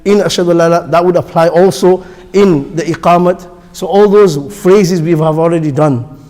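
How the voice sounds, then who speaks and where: A man's voice: on the high side, brisk, a little mellow, long reverb tail. A male instructor teaching pronunciation for the call to prayer, patient and repetitive, demonstrating each sound. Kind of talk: classroom instruction. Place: mosque hall.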